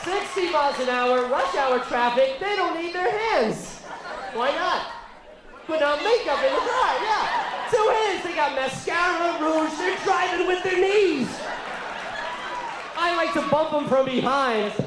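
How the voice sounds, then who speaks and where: A man with a high, light voice delivers a wry stand-up set into a handheld mic, punching up his punchlines. The room rings with echo and a loud laughing crowd behind him. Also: animated, measured pace, heavy background noise. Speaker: stand-up comic. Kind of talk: stand-up routine. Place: comedy club on stage. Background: audience laughter.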